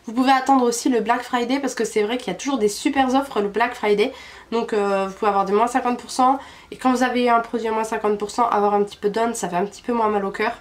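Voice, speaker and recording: A woman's voice: on the high side, steady tone, quick pace. A young woman from France, chatting casually about a makeup order she received, with frequent hesitation fillers. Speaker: beauty vlogger. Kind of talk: casual product review.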